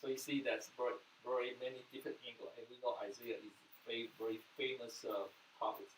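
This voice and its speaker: A pastor, Mandarin being his first language, gives an earnest sermon at a quick pace in a mid-range, steady-toned voice. He surges into sudden loud bursts and then drops soft, and the echoey room is captured by a far-off mic with faint noise.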